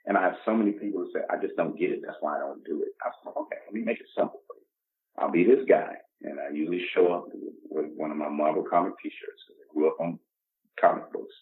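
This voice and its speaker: A Bronx-born man in his 50s guests on a podcast, speaking casually and motivationally with a low voice that swings widely in pitch. He talks fast and emphatically, often acting out imagined dialogue. The lo-fi recording sounds dull and muffled, with a slight hiss or hum.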